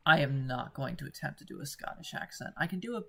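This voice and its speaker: A woman's voice: low voice, expressive, fast, vocal fry, bright, forceful tone, husky. A woman hosting a let's play, chatting casually and rambling off on tangents while she plays, with a mixed Atlantic and American accent and the odd casual swear. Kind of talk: casual gameplay commentary.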